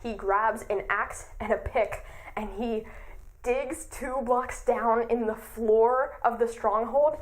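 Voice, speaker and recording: A young woman casually retelling a story for her channel, excitable, often laughing and gasping, with lots of "like". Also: a little high, takes it slowly. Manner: excitable, laughs and gasps often, says "like" a lot. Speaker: YouTuber.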